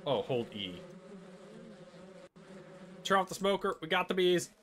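A man hosting a co-op game session, chatting casually and excitedly calling out to his friends. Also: high-pitched, measured pace, a little hiss or hum. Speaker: let's play host. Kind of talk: casual gaming chat with friends.

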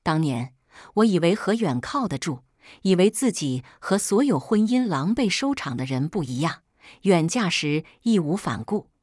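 A woman telling a first-person story in a calm, measured scripted narration. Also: lowish voice, no room sound, clean studio sound.

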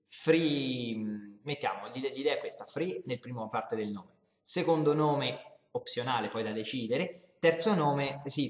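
A young man talks casually to viewers as he plays, in a reverberant, echoey room. His voice sits at a medium pitch, and he rambles along, circling back over his own phrases. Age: young adult. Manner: rambling, repeats himself. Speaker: gaming video host. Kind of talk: casual gaming commentary to viewers. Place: indoor room in front of a backdrop.

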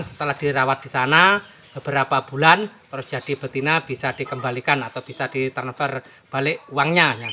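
A man's voice: medium pitch, background noise. A man from Indonesia filming a casual sales vlog outdoors at a bird shop, talking chattily and repeating set phrases. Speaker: bird seller.

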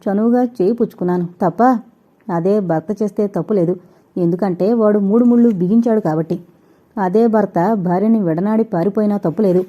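A woman voicing an earnest young man who calmly reasons and pleads his love, read as an audiobook character. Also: medium pitch, brisk, lightly acted. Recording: dull lo-fi recording.

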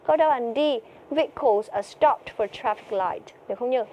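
A woman's voice: on the high side, normal speed, lo-fi sound, a little hiss or hum. A woman teaching TOEIC vocabulary, who keeps asking her students questions and answering them herself. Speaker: English teacher.

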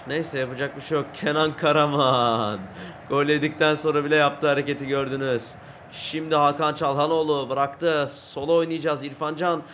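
A high-voiced young man calling his own football video game late at night at a desk mic. He is tired but flares from low mutters to yells at the referee and his players, with a faint hiss behind him. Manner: swings from muttering to shouting at the match, curses, urges players on. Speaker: gaming YouTuber. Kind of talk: excited gameplay commentary.

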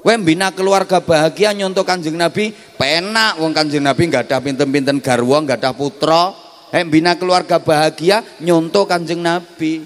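A man with a Javanese accent preaches in a fairly high voice, joking and quizzing his listeners. His voice rings out with a long hall reverb around it. The pace moves between slow stretches and quick asides. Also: fairly even intonation. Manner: jokey, mixes Javanese and Indonesian, quizzes the audience. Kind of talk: humorous religious sermon.

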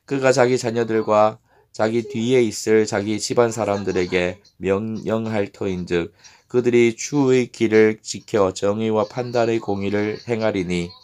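A man voicing God as a solemn, authoritative male deity who speaks in grave, measured pronouncements, in a scripture reading. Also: fairly low pitch, fairly even intonation, a little mellow, lightly acted.

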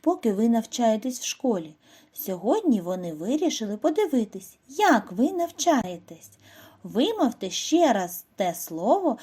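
Slow, soft-spoken woman teaching children. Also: fairly high pitch. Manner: slow, clear, instructive delivery with questions to children. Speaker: primary school teacher. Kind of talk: scripted lesson narration for first graders.

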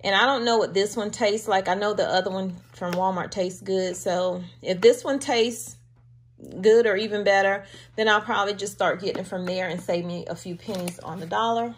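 A woman's voice: medium pitch, steady tone, normal speed, breathy edge. Chatty woman talking to her viewers. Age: adult with a daughter. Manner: chatty, homey, addresses viewers as y'all. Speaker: vlogger showing a grocery haul. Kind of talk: casual chat. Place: home, indoors, off-camera.

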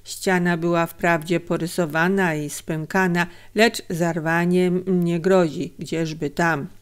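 A woman's voice: fairly low pitch, fairly even intonation, takes it slowly, smooth. A woman narrating a story aloud in a dramatic audiobook reading. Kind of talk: scripted narration.

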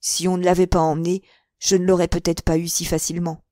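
A woman voicing a young man who speaks in a low, reserved and even way. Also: fast, no echo, clean studio sound, lightly acted. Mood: generous. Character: young sailor turned writer, puzzled, generous.

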